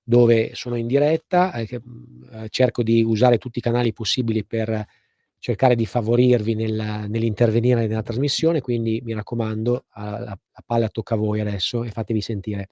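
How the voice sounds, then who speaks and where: A man hosting a live call-in radio show, explaining things informally with hesitant, pause-filled phrasing. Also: medium pitch, little pitch movement, dark tone, no echo, clean studio sound. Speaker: radio host and legal advice presenter.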